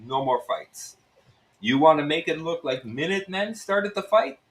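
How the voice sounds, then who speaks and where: A man voicing a gruff male innkeeper with a Russian accent and broken English. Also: on the high side, expressive, normal speed, a bit bright, voice pushed up, poor audio. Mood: wheedling.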